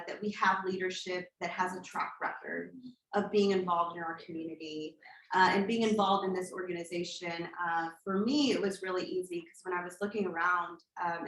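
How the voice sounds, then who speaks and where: In an echoey church meeting hall, a political candidate from Colombia, a woman in her thirties, delivers an earnest campaign speech to a community meeting, often using fillers. She speaks in a lowish voice with a fairly bright tone.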